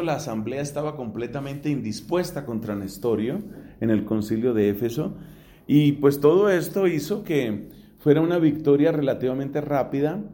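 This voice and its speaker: A man's voice: mid-range voice, dark tone. A middle-aged man from Colombia, a priest giving a theology lecture, who explains step by step and poses rhetorical questions that he answers himself.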